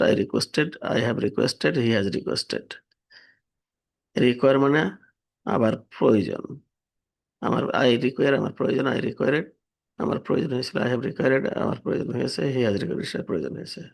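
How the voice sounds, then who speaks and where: Gravelly, husky man drilling English verbs. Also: mid-range voice, moderate pace. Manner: steady listing drill, English verb forms then Bengali meanings. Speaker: English vocabulary teacher. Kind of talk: vocabulary lesson, reading word lists with translations.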